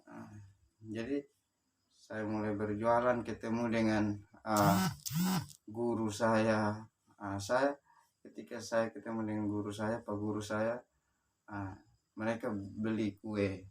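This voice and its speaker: A man from Sumba with a low voice recounts his life story in a halting way. He pauses often and restarts his sentences. His voice sounds distant, picked up from some way off the mic. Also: flat delivery, slight background noise. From Sumba, eastern Indonesia. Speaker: motivational speaker. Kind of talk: personal life story told to camera.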